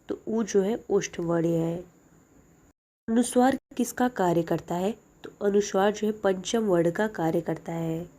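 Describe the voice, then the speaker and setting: A woman's voice: medium pitch, dark tone. A young woman teaching a lesson, reading out each exam question and then answering it plainly.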